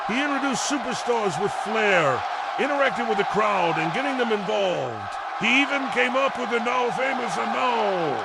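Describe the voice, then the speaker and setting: A man's voice: high-pitched, vocal fry. A man reading a scripted documentary narration with emphatic, punchy phrasing. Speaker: narrator of a wrestling history video. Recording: noisy, loud crowd and arena sounds behind. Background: crowd noise.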